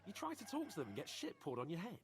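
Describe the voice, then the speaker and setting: A man's voice: on the high side, wildly swooping pitch, fast talker, crowd noise. A brash, sarcastic young nobleman. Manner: sarcastic, exclamatory. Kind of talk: game voice acting.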